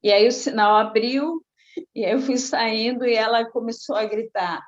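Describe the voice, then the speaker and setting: Animated woman telling a testimony. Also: on the high side, moderate pace, highs cut off. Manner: animated storytelling, acting out quoted voices. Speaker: guest giving a testimony. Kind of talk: casual spoken testimony.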